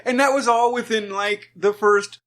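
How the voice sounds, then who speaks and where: A man's voice: high-pitched, fairly even intonation, moderate pace, fairly bright tone. A man co-hosting a podcast, chatting casually and telling stories with jokes and swearing. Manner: profane, joking, storytelling. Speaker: podcast co-host. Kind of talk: casual chat.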